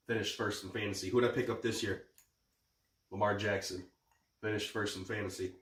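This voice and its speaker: A man's voice: fairly low pitch, steady tone, brisk, fairly bright tone. A man with a congested, blocked-nose voice in casual, boastful, sweary sports banter as a podcast host. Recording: echoey room, distant from mic.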